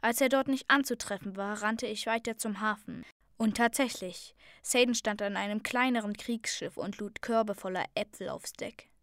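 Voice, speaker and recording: A woman reads a fantasy story aloud, calm and soft, sometimes sinking to a near whisper. Her pitch sits in a middle range. The recording is dry and close, with no room echo. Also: moderate pace.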